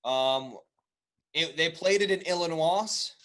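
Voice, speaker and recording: A man co-hosting a casual golf podcast, rambling and animated, who reads sponsor ads in a joking infomercial style. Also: on the high side, takes it slowly. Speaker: podcast co-host. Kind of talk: casual chat.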